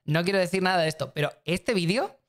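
A man's voice: high voice, animated, fast talker, fairly bright tone. A man streaming, chatting casually and rambling, often repeating himself and talking straight to his chat. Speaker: streamer reacting to videos.

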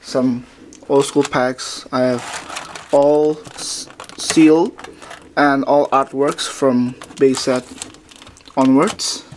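A man giving a casual narrated tour of his indoor collection room, talking haltingly with many fillers and restarts into a handheld camera mic. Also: medium pitch, little pitch movement, a little hiss or hum.

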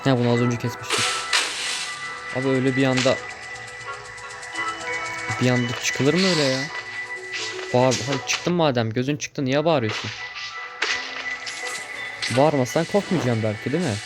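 A man's voice: medium pitch, normal speed, pauses often. Chatty young man commenting on a game. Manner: chatty, easily startled, swears and jokes at the game. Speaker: gameplay streamer. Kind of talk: casual gameplay commentary. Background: game music.

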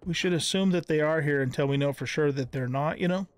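A middle-aged gaming video host gives casual gameplay commentary, thinking out loud conversationally. He talks fast, with a somewhat high, clear, resonant voice.

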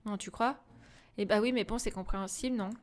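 A woman casually commenting on a video game, chatting and reading the dialogue aloud with quick asides. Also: medium pitch, fairly even intonation. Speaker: let's play gamer.

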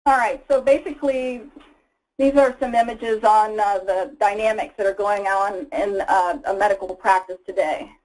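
Woman, webinar presenter, mid pitch, casual explanatory delivery, fillers. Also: moderate pace, a little mellow, rough recording. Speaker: product presenter. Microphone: voice-over for slides.

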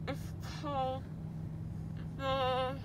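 Young female, gauze-stuffed mouth, slurred and groggy, high pitch, casual chatter over clear car noise. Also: completely flat delivery, extremely slow. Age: teenager or young adult. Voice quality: muffled, slurred speech through a mouthful of gauze. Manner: groggy, rambling, emotional. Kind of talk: casual chat. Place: inside a car. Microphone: handheld phone a short distance away. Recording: noisy car interior.

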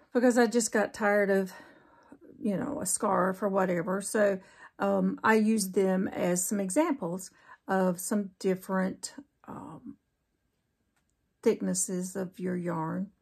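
A woman's voice: medium pitch, gravelly, a little mellow, husky. A middle-aged woman with a Southern US accent, hosting a casual crochet tutorial in a chatty, homespun way with fillers. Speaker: crochet channel host.

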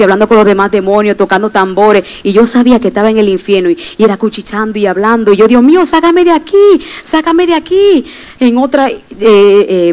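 A woman's voice: medium pitch, a little mellow, low-quality recording. A young adult woman preaching a sermon and giving personal testimony, speaking emphatically and addressing the congregation directly.

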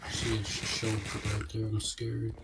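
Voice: mid-range voice, monotone, moderate pace, creaky, distant mic, heavy background noise. A player chatting during a Minecraft session, nervous about enemies and joking with a friend. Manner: jumpy, anxious and joking. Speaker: Minecraft server player, guest. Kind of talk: casual gaming chat.

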